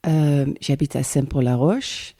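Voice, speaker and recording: Unhurried and warm, this low-pitched voice belongs to a middle-aged Dutch woman from the Netherlands speaking French with a Dutch accent. As a guest in a casual interview chat, she hesitates and gropes for words, using lots of fillers.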